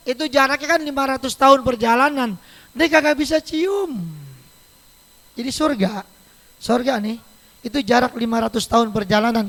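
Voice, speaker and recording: A man's voice: extremely high pitch, a bit bright. A middle-aged man giving an informal religious lecture in a mosque, chatty and joking, acting out quoted voices. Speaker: preacher. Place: large mosque hall. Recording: long mosque hall reverb.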